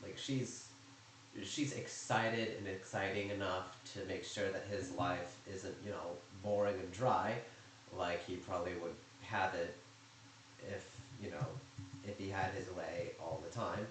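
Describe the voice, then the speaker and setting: A man's voice: low voice, steady tone, a little slow. A man casually telling a rambling story about his game server, chatty and full of sarcastic asides. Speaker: YouTuber recounting server drama. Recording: very echoey room, faint noise.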